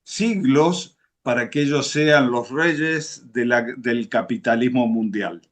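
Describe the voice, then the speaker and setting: An Argentine man hosting a political video, giving patriotic commentary to viewers in solemn, emphatic oratory with short deliberate phrases. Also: mid-range voice. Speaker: political interview video host.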